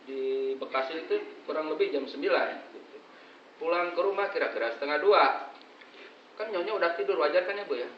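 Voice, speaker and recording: A man with a Sundanese accent giving a humorous religious talk to pilgrims, telling lively stories and mimicking people. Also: a little high, moderate pace, a little hiss or hum. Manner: jokey, lively storyteller who mimics voices. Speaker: preacher. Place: hotel hall in Makkah. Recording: echoey room, distant dull mic.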